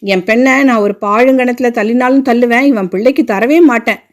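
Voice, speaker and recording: A woman's voice: fairly high pitch, brisk, lightly acted. A woman reading an angry, proud father. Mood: indignant. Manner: indignant, ranting. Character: angry middle-aged father, proud and hot-tempered.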